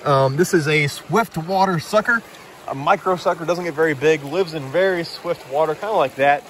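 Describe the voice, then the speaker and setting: Filmed on a body-worn action camera by a mountain creek, a young man describes his fishing outdoors in a chatty, enthusiastic way, dropping plenty of fillers. His fairly high, fairly bright voice moves at a normal speed over slight background noise.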